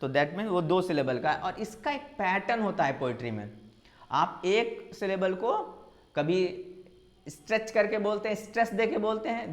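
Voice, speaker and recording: एक महिला शिक्षिका परीक्षा की तैयारी का लेक्चर दे रही हैं, बीच-बीच में अंग्रेज़ी शब्द मिलाते हुए, बातें दोहरा कर कदम-दर-कदम समझाती हैं।. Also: female voice, mid-range voice, reverberant. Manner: explains step by step, repeating key terms; mixes in English terms. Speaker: English literature teacher. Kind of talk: exam-prep lecture.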